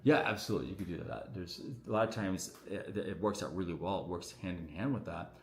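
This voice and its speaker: A man, a doctor, answering viewer questions on a casual livestream in a relaxed, chatty way full of fillers, his voice echoing around the room. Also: low voice, brisk, gravelly. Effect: echoing room sound on the stream. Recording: echoey room audio on a livestream.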